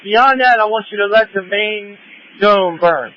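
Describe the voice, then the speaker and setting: Urgent high-pitched male firefighter on radio. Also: measured pace. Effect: two-way radio. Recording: muffled fire department radio.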